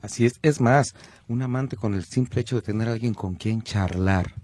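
A man's voice: fairly low pitch, normal speed, darkish tone, no echo. A man with a Mexican accent, a musician and theater director, chatting on a cultural radio show in a rambling, thoughtful way. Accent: Mexican Spanish. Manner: rambling, thoughtful, restarts often. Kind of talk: casual radio chat.

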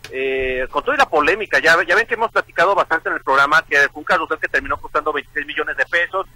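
A man reporting live from an outdoor event for a radio show, lively and talking straight to listeners. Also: a little high, dry recording, poor audio. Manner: lively, addresses listeners as "compañeros". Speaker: field reporter.

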